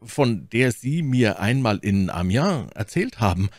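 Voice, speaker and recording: A man's voice: on the low side, very animated, unhurried, no room sound, studio quality, voice pushed up. A man voicing a hot-blooded young man who speaks with urgency and emphasis. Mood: urgent.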